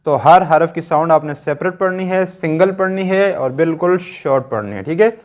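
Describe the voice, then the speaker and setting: A man's voice: a little high, moderate pace, dull audio. A man with a Pakistani Urdu accent teaching Quran reading in a recorded lesson, patiently drilling short sounds one by one and checking that learners follow.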